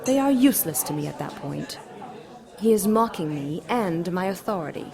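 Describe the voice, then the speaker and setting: Playing the same seductive, imperious demon queen in an audio drama, the woman now sounds haughty and indignant, still coy, mocking and theatrical. Her voice is on the low side, animated and mellow with vocal fry, at a moderate pace, and crowd chatter fills the background.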